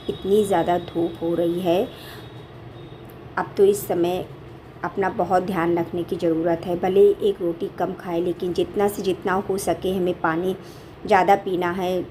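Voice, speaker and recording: A woman vlogging casually from her home kitchen on a handheld phone, warmly calling her viewers family. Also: on the low side, slight background noise. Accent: Hindi. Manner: affectionate, repeatedly addresses viewers as family. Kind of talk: casual daily vlog chat.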